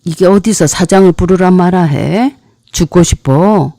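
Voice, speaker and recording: A woman's voice: fairly low pitch, dark tone, no room sound, clean studio sound. A woman voicing a menacing, burly male bar bouncer in a story narration. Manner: slow, menacing.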